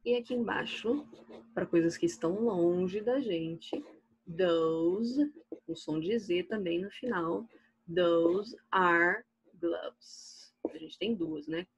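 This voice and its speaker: Patient Brazilian teacher, breathy voice. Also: female voice, on the low side, a little mellow, no echo, rough recording. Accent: Brazilian Portuguese. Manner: patient, slow and clear, asks "ok?" after each point. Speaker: English teacher. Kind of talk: recorded online class explaining slides.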